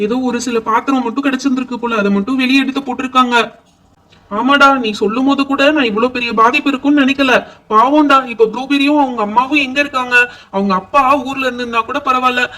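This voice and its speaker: A man's voice: very high-pitched, pushed and bright, recorded from a distance. A man voicing helpful young boys who chat and reassure a family in a doll show. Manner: chatty, reassuring. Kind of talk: doll pretend-play voice acting.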